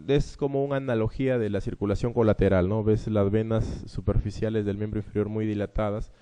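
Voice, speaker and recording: A man with a Peruvian Spanish accent teaching an exam review class. His voice sits low and dark, and he works through each question patiently, often closing a point with a quick "¿no?". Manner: explanatory, frequent rhetorical "¿no?" tags. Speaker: medical lecturer.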